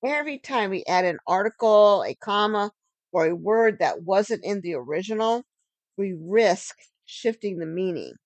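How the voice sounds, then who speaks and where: A woman giving an earnest teaching sermon on scripture, stressing key phrases and slowing down for emphasis. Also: mid-range voice, no room sound. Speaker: Bible teacher.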